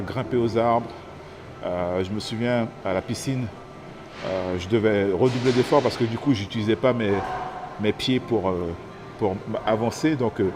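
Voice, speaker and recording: A fairly low-voiced man in his thirties from French Guiana tells his own story, slow to find his words and thoughtful. Clear music plays behind him. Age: 30s. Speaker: interviewee. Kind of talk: personal testimony.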